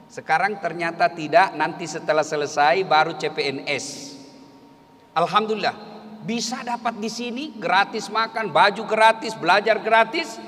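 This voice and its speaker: Middle-aged preacher guy, really high bright voice, jokes around then shouts, hall echo. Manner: storytelling with jokes, rising to shouted exhortation. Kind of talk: humorous sermon. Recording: hall reverb, faint ambience.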